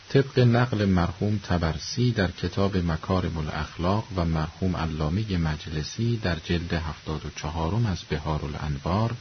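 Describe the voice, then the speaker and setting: A man hosting a radio program, reading scripted religious commentary in a formal, measured and reverent way. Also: sits low. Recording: lo-fi recording with faint hiss.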